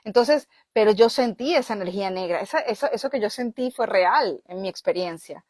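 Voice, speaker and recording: A woman, a spiritual healer telling a personal story in an animated way, often checking in with her listeners. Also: medium pitch, fairly quick, no room sound, studio quality.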